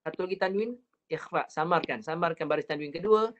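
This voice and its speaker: A man with a Malaysian Malay accent teaching an online Quran recitation class, patiently repeating drills and drawing words out slowly to demonstrate. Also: on the high side, fairly bright tone, a little hiss or hum.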